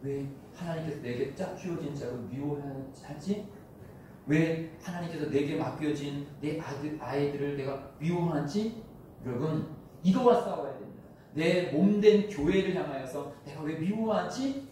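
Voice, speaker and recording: A male pastor preaching a sermon with passion, dropping to a hush and then rising to loud cries. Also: on the high side, unhurried, a little hiss or hum. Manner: impassioned preaching, swings from hushed to loud cries. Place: church sanctuary. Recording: very echoey hall, from a distance.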